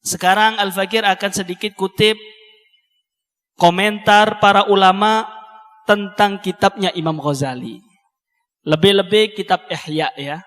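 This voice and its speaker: A man's voice: sits high, a little slow, pauses often, a bit bright. Fervent man preaching in a reverberant hall. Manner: fervent, repetitive, addresses listeners directly. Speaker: preacher teaching a religious book. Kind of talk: sermon.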